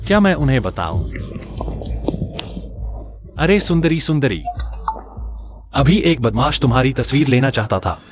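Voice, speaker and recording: A man's voice: mid-range voice, very animated, a little slow, long pauses, over music. An actor playing a cocky, wisecracking young man in a dubbed drama. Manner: cocky and teasing. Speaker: brash hero.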